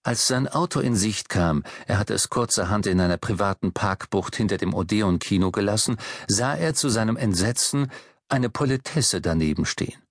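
A man narrating an audiobook in a steady, low-key storytelling voice. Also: normal speed, no echo, studio quality.

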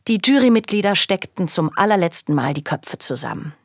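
Lively woman reading a kids' story. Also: lowish voice, fairly quick, dry recording, studio quality. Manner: chatty first-person girl's voice. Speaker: audiobook reader. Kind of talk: audiobook narration of a children's story.

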